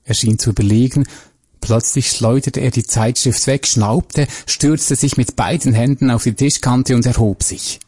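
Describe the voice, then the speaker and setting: Man narrating a story, dark and husky. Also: medium pitch, fairly even intonation, moderate pace.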